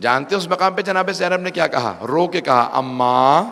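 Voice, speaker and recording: A man with a Pakistani Urdu accent preaching a mourning sermon, acting out the people in his story and rising from soft storytelling to loud cries. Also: high-pitched, lively intonation, creaky, in a large hall. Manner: dramatic, voices figures in quoted speech, rises to loud cries. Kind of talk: Shia majlis sermon.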